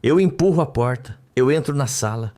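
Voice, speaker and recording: In a tense read-aloud soap recap, a man voices a terrified young woman who dreamily and tremblingly recalls a scene under hypnosis. His mid-range voice is animated and darkish in tone. He speaks at normal speed, close to an everyday voice.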